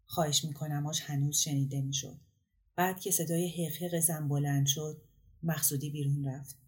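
A woman narrates a literary short story in a calm, measured way. Her voice sits low for a woman. The reading is steady and unhurried, like an audiobook. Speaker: story reader.

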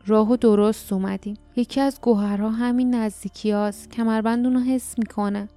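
A woman reading the part of a young male hero, speaking quietly and trying to keep steady. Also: a little high, soft background music, close to an everyday voice. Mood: quiet resolve.

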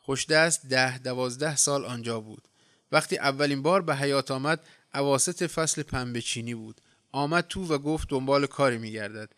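Man narrating a story in a smooth voice. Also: medium pitch, a bit bright, dry recording, studio quality. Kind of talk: audiobook narration.

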